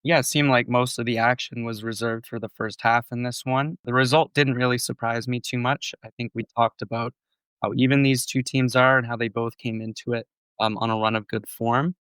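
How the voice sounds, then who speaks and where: A man co-hosts a casual sports podcast, offering measured, thoughtful breakdowns of match plays while still recovering from a cold, his voice on the mend. His voice is medium in pitch, level, fairly bright, and clean, captured in a dry, low-quality recording.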